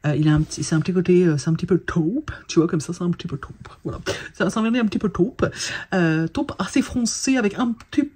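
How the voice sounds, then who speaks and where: Woman vlogger, tired and chatty, husky low-key voice, casual product chat to camera. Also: fast, mellow. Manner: chatty, colloquial, lots of fillers and restarts.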